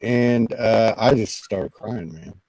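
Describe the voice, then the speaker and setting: A man, a guest on a spiritual talk show, telling a personal story in an earnest, emotional, halting way. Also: fairly low pitch, darkish tone, no echo, rough recording. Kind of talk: personal storytelling in casual conversation.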